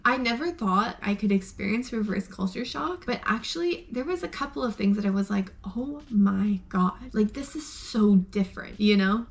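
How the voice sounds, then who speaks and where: Young woman vlogging, bit higher voice, chatty, says like a lot. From Arizona, USA. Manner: chatty, gushing, many "like" fillers. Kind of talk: casual chat.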